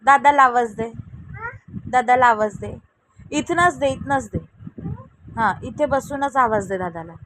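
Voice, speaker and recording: A woman's voice: fairly high pitch, animated, a little slow, pauses often, a bit bright, slight background noise, poor audio. A woman, a mother, chatting playfully with her baby in a coaxing, questioning way.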